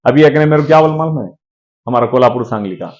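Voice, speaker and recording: A man's voice: rapid-fire, rough recording. A man leads a business training session, talking animatedly, calling his listeners sir and acting out little dialogues. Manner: animated, swings pitch, acts out quoted dialogue.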